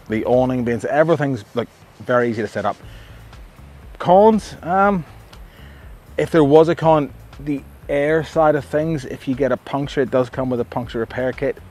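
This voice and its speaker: Outdoors among the trees of a campsite, a middle-aged Australian man gives a casual, upbeat review of camping gear, repeatedly restarting what he's saying. He speaks at a moderate pace in a mid-range voice with a darkish tone.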